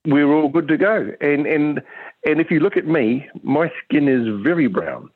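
A man calling a radio show over the phone, chatting casually and giving opinions in halting, emphatic phrases. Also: on the high side, animated, no echo. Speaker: phone-in caller. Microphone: telephone. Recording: tinny narrow phone line.

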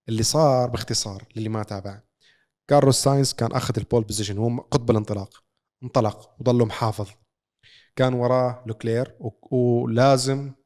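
A man's voice: medium pitch, a little mellow. A man with a Levantine Arabic accent, co-hosting a podcast with a casual sports recap, told like a story with rhetorical questions. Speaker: podcast co-host.

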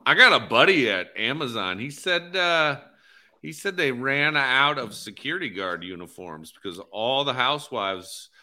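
A man's voice: medium pitch, lively intonation, normal speed, bright, forceful tone. A man hosting a casual group video call, teasing and joking with his guests.

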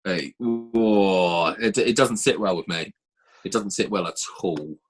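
A man with a husky voice hosting a casual, chatty podcast. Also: deep voice, a little slow. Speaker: podcast host. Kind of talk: casual chat.

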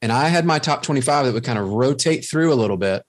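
A man's voice: mid-range voice, animated, fast talker. Confident man sharing business advice. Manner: confident, coaching tone, acts out quotes. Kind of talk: casual interview chat.

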